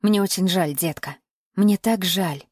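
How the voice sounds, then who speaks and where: A woman's voice: fairly low pitch, unhurried, husky, no echo, clean studio sound. A woman voicing a menacing male captor who speaks in a falsely tender, self-pitying croon, sometimes dropping to a whisper. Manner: soft crooning, at times whispering.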